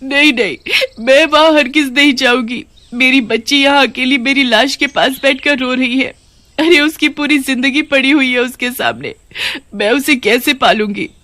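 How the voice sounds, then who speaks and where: A woman's voice: mid-range voice, normal speed, natural voice. A woman voicing a widowed mother who has become a witch ghost in a cartoon, speaking in a lamenting, emotional way. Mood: desperate.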